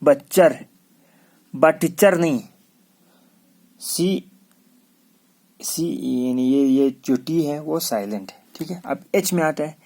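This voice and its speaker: A man's voice: fairly high pitch, animated, slow pace, pauses often, warm tone. A man teaching a lesson, spelling out words letter by letter and repeating each word several times. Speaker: English teacher. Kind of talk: classroom lesson.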